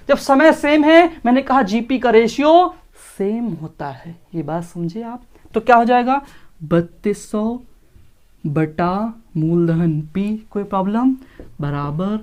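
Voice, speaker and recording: Patient high-voiced male maths teacher. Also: a bit bright. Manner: patient, keeps asking if students follow; explains slowly step by step. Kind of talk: online exam-prep maths lesson.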